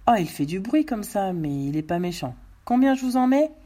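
A woman's voice: medium pitch, expressive, moderate pace, mellow, close to an everyday voice. A woman voicing a jovial, chatty male gas station attendant with a sing-song way of talking in a read-aloud story.

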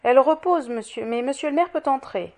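A woman's voice: sits high, fairly quick, darkish tone. A woman voicing a timid, deferential nursing nun.

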